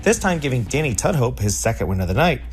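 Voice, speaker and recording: A man's voice: mid-range voice, big pitch swings, fast. A man presenting a scripted recap of horse racing results as a show narrator. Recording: music bed behind the voice. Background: music.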